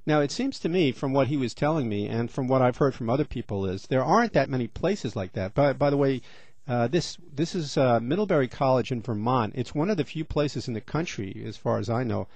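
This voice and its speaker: A man's voice: mid-range voice, a little mellow, no room sound. Chatty man hosting a radio interview. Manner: chatty, rambling, many fillers. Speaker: radio host.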